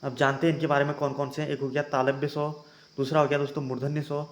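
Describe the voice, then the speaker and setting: A man's voice: mid-range voice, little pitch movement, fast talker. A young man teaching an exam-prep grammar lesson, calling his viewers friends and having them try each sound aloud. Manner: addresses viewers as friends, repeats points.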